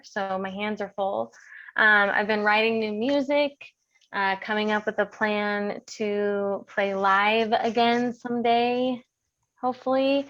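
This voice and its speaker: A woman's voice: on the high side, pushed and bright, highs cut off. A woman, a singer-songwriter guest, chatting easygoing and upbeat on a video-call podcast.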